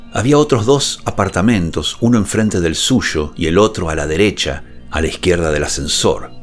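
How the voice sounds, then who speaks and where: A man narrating a scripted suspense horror story in a measured, dramatic way, speaking intimately close to the ear. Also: low-pitched. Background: music behind the voice.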